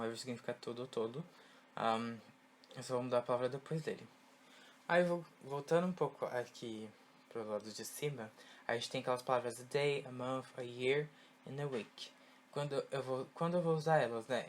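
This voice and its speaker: A man with a Brazilian Portuguese accent, a native Portuguese speaker, teaching an online English class and drilling words slowly, checking in with "tá?" after each point. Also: medium pitch, slight background noise. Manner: slow, repetitive drilling with frequent "tá?" checks.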